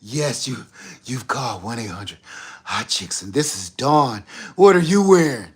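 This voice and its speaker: A man voicing a teasing woman on a hotline, speaking low and slow. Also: lively intonation, husky.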